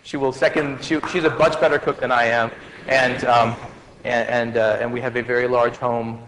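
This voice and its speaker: A man's voice: medium pitch, flat delivery, moderate pace. A man in his forties addresses medical students in a lecture hall, his voice carrying a long reverb tail. He talks casually with jokes, fillers and restarts, over a faint background hum. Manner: conversational, joking, many fillers and restarts.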